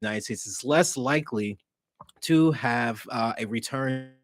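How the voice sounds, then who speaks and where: A man co-hosting a casual political chat over a video call, his audio cutting in and out so his phrases come through broken and halting. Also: mid-range voice, no room sound. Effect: audio cutting in and out over a bad connection. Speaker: podcast co-host.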